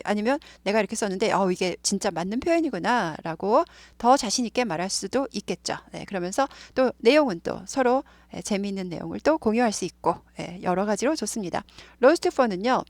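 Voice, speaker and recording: A woman's voice: medium pitch, no echo. Woman English teacher, casual lesson voice, filler-heavy, repeats words, dry close mic. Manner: chatty, many fillers like "예" and "네"; explains slowly, repeating words.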